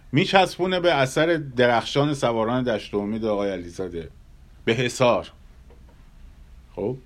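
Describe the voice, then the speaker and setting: A man giving a measured lecture on Persian classical music, pausing often and sometimes humming melodies to illustrate. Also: mid-range voice. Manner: hums and scats melodies to illustrate; measured, thoughtful delivery with pauses.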